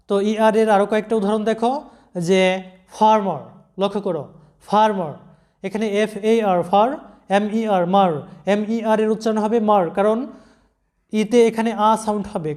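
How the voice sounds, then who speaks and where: A man's voice: sits high, a little mellow. A man teaching English pronunciation in an online lesson, patiently spelling out words letter by letter.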